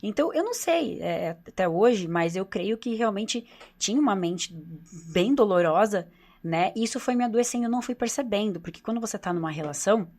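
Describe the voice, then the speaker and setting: Earnest Brazilian woman, mid-pitched, confiding. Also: animated, a little fast, darkish tone. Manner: earnest and confiding, many "né?" tags and repeated phrases. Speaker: interview guest, doctor with a nutrition clinic. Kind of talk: podcast interview, personal story.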